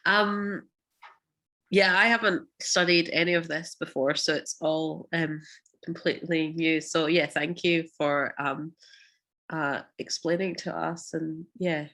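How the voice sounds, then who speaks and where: Woman, low flat voice, slow and hesitant, video call. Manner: soft, hesitant, thankful. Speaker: workshop participant. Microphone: laptop webcam on a video call.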